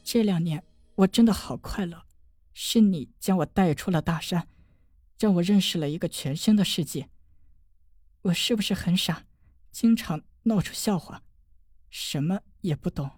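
女声演绎的垂死柔弱少女. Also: female voice, on the low side, no room sound, clean studio sound, lightly acted. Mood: tender. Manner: soft, halting, tearful. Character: dying gentle young woman, tender and devoted. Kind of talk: audiobook drama reading.

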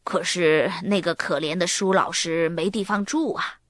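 A woman voicing a reasonable father aardvark, reading his lines lower and firm. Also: steady tone, normal speed, no room sound, studio quality, natural voice.

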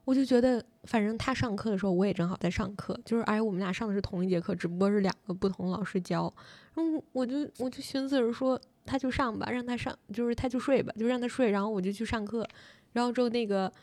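A woman's voice: fairly high pitch, darkish tone, no echo. A young woman telling a story about school friends in casual podcast chat, full of fillers and restarts. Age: young adult. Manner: rapid storytelling with many fillers. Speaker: podcast host.

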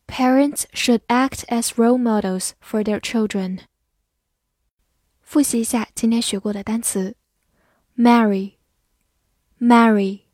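Bright-voiced Chinese woman teaching English words. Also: on the high side, no echo, clean studio sound. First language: Mandarin Chinese. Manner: spells words out and reads example sentences slowly. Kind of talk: scripted vocabulary lesson.

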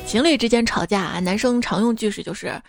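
A woman's voice: fairly high pitch, brisk, faint music behind. A woman host delivering a scripted comic monologue in a playful, teasing way, often breaking into laughter. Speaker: radio host.

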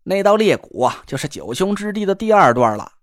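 A man's voice: high voice, very animated, fairly quick, no room sound, clean studio sound. A man voicing a cocky, joking young man who teases his friend while cooking. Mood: boastful. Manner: teasing, boastful, chatty slang. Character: cocky joking young male camp cook. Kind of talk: audiobook character voice.

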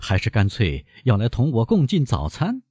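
A man's voice: medium pitch, wildly swooping pitch, normal speed, warm tone, slightly rough, no echo, studio quality, pitched above the performer's own voice. A man reading an audiobook, voicing a genial, talkative male newspaper journalist. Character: affable male newspaper journalist, amiable then proud. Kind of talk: audiobook character voice.

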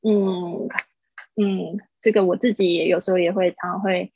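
A woman teaching English pronunciation on a livestream, explaining patiently and repeating words slowly for her students. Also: fairly low pitch, fairly even intonation, a little mellow, breathy edge, no echo, dull audio.

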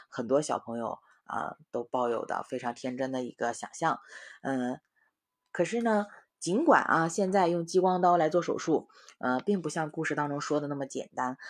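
A woman in her forties, a mother reading a bedtime story to children, lively and fond. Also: extremely low pitch.

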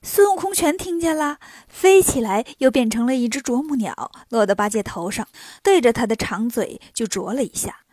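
A woman narrating a children's story in a lively, clear and expressive way. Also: fairly high pitch, normal speed, no echo.

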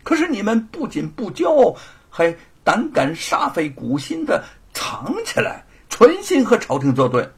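A man's voice: sits high, wildly swooping pitch, unhurried, fairly bright tone, breathy edge, pitched above the performer's own voice, exaggerated voice. A man playing a cackling cruel tyrant. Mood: triumphant. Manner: sneering, cackling, blustering. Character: gloating cruel middle-aged male local tyrant.

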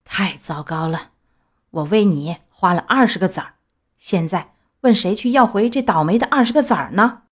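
Storybook role: woman voicing a low, grumbling, suspicious middle-aged man. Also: animated, normal speed, husky. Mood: lamenting. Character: gruff grumbling middle-aged male donkey buyer.

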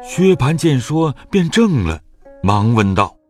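A man narrating a classic story in an audio drama with a lively storytelling manner. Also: medium pitch, slow, soft background music.

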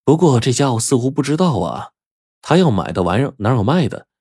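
A man narrating a first-person story for an audiobook in a colloquial, animated way. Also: mid-range voice, a little fast, husky, dry recording, clean studio sound.

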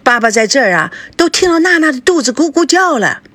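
A woman's voice: high voice, sing-song, a little fast, no echo, voice pushed up. Woman doing a coaxing, blustering dad. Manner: coaxing, loud and exclaiming. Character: doting middle-aged father, blustering and fond.

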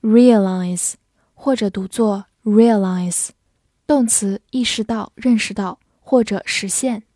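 A woman's voice: fairly high pitch, measured pace, hardly any pauses, a little mellow, no echo, studio quality. A woman teaching English vocabulary, saying each word twice and then giving its meanings, in scripted lesson narration.

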